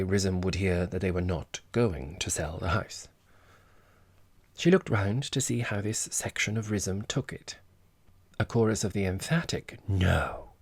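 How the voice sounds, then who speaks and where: A man narrating a comic novel as an audiobook, with measured, wry storytelling. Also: on the low side, husky, no room sound.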